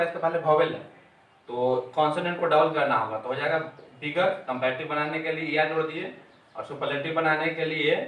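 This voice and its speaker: Guy teacher going over grammar rules slowly, repeats stuff, boomy echo, mic kinda far. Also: a bit bright. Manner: explains step by step, repeating key terms. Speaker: English teacher. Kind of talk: classroom grammar lesson. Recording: very echoey room, mic far off.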